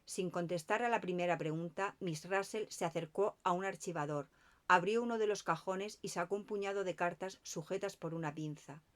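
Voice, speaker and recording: Calm woman reading an audiobook. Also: on the low side, moderate pace. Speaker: audiobook reader. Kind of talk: audiobook narration.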